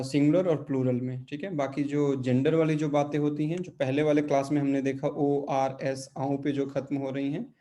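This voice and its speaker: A man's voice: a little high, dark tone. A man teaching a language class online, explaining grammar patiently and checking often that his students follow.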